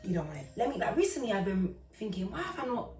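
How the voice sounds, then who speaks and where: A woman's voice: mid-range voice, big pitch swings, fast, a little mellow, faint music behind. A woman, giving emphatic advice in a casual chat. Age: 30s. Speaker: guest. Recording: roomy and distant from the mic.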